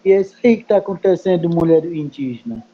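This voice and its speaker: A man whose first language is Kayapó speaks in Portuguese as a guest in a study group meeting. He explains slowly and haltingly, repeating words between many fillers. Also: fairly high pitch, lively intonation. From Brazil. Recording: muffled lo-fi recording.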